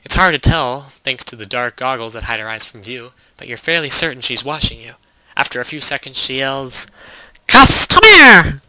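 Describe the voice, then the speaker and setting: A young man hosting a game playthrough, reading on-screen text aloud with sarcastic, deadpan asides. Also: medium pitch, a little fast, poor audio. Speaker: let's play host.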